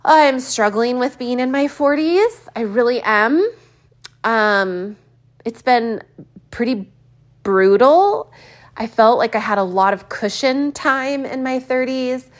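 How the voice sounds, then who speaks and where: A woman in her early forties talking candidly in a reflective personal vlog, thinking aloud with pauses and fillers. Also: on the high side, lively intonation. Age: 40s. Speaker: vlogger.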